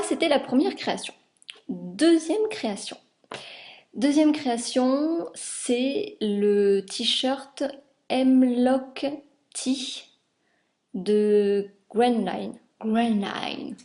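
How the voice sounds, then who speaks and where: A woman's voice: on the high side, darkish tone. A young woman from France chatting casually about garments she sewed, with many fillers as she shows the details. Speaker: sewing vlogger. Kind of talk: casual chat.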